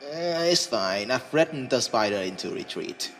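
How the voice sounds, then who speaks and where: A man playing a jumpy, defiant, foul-mouthed human cave explorer, excitable and prone to swing from muttering to yelling. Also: medium pitch, moderate pace, creaky. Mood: wary. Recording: echoey room with reverb, background noise.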